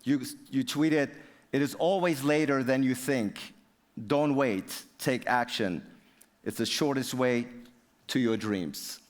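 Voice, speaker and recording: A man hosts an interview on stage at a university event. He asks fluent, measured questions, with the occasional filler between thoughts. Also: medium pitch. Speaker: interviewer, TV presenter.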